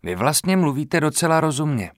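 A man's voice: on the high side, sing-song, dry recording, clean studio sound, voice pushed up. A man reading a frank, earnest teenage boy. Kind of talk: audiobook character reading.

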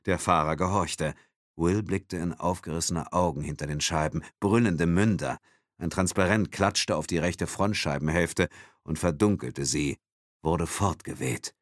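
A man narrating a thriller audiobook in a dramatic, expressive reading. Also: sits low, unhurried, no echo, clean studio sound.

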